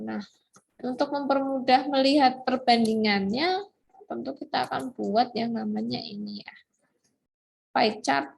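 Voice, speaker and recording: A woman's voice: fairly high pitch, gravelly, breathy edge. A woman lecturer giving a recorded online lesson, explaining step by step with many fillers and restarts. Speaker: university lecturer.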